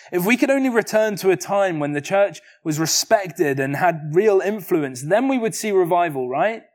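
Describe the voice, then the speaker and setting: A man preaching an expository sermon in an earnest, measured way, often pausing on rhetorical questions. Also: a little high.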